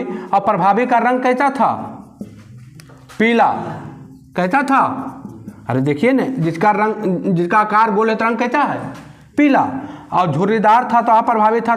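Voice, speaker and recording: Young guy teaching class, keeps repeating q and a, slow and high. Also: animated. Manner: repetitive question-and-answer drilling. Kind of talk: classroom lesson.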